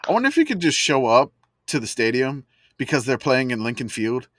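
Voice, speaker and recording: A man's voice: mid-range voice, big pitch swings, fairly quick, no room sound. Man talking from inside a closet. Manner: rambling, chatty, with many fillers. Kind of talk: casual sports chat. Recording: dry, close sound from a closet.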